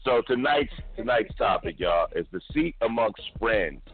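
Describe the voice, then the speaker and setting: Husky lively male talk show host. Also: fairly low pitch, unhurried. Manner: hyped, playful, slangy. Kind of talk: radio show hosting. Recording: tinny lo-fi line with faint music.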